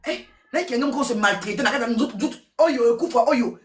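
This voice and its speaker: A woman giving casual gossip commentary, repeating words and switching languages in an excitable way. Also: fairly high pitch, quick pace. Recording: roomy echo, distant from mic.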